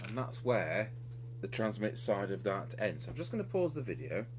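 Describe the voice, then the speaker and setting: A man with a fairly low, sing-song voice speaks at a moderate pace while repairing a radio. He hesitantly explains each step of this unscripted, hands-on demo at an indoor workbench. The recording is clearly noisy with an electrical hum.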